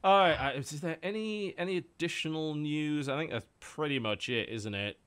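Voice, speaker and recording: A man's voice: fairly high pitch, normal speed, a bit bright, clean tone. A man hosting a casual podcast chat, with a blunt, sardonic manner. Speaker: podcast host.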